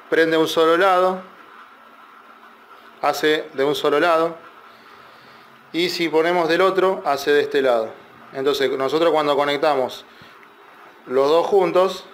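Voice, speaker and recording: A man's voice: fairly high pitch, unhurried, pauses often, slight background noise. A man, a repair technician talking through a circuit board in a loose, explanatory way with many fillers and restarts. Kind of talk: casual technical tutorial.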